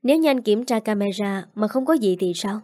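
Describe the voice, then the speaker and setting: A woman's voice: mid-range voice, lively intonation, fairly quick, mellow, lightly acted. A woman voicing a foolish, stubborn young husband who blusters. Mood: defiant.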